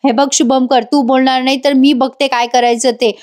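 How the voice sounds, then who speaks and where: A woman's voice: high voice, flat delivery, moderate pace, a little mellow, close to an everyday voice. A woman voicing a scheming, preachy housewife who accuses others in a serial recap. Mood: accusing.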